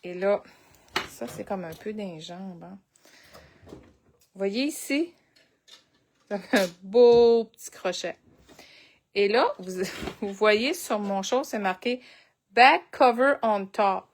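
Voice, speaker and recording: A Québécois woman talks viewers through a live crafting project at an unhurried pace. She chats and thinks aloud as she works, with a voice of ordinary middle pitch. Faint noise sits behind her. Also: darkish tone. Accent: Québécois French. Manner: chatty, thinks aloud while working. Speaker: crafting instructor.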